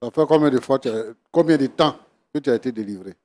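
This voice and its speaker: Male pastor, mellow tone, slow, probing questions on a TV panel. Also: medium pitch. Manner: hesitant, probing questions with fillers.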